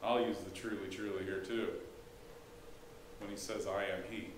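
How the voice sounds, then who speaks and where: Conversational male pastor in echoey church. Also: medium pitch. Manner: conversational, folksy asides and rhetorical questions. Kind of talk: sermon. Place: church sanctuary. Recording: echoey church room, faint background hiss.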